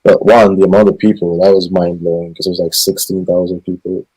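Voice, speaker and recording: A man with a Guyanese accent, a gospel singer in his thirties, answers interview questions about his life at a brisk clip. His low, mellow voice has a breathy edge and barely shifts in pitch, and he rambles with many fillers on a rough recording.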